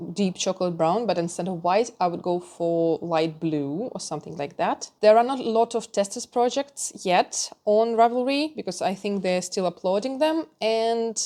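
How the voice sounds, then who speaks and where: A woman's voice: medium pitch, darkish tone. A woman knitting vlogger giving a chatty, candid review of knitting patterns, with small laughs and restarts.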